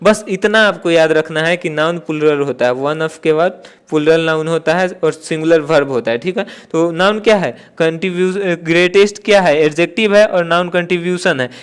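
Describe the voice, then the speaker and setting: A man's voice: a little high, moderate pace, hardly any pauses, smooth. A man teaching an exam-prep grammar lesson, explaining step by step, asking and answering his own questions and repeating key points. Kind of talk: classroom-style exam lesson.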